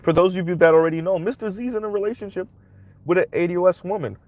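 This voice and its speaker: Stuffy from a cold, a young man runs a livestream for his commentary channel, talking fast in a high-pitched voice. His social commentary is emphatic and full of tag questions. The sound is lo-fi with no echo.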